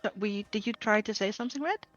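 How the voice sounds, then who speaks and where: A woman guild trainer explaining a game build over group voice chat, steady and explanatory with frequent ums. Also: medium pitch, quick pace, faint music behind. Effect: group voice chat audio. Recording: dull lo-fi voice chat mic.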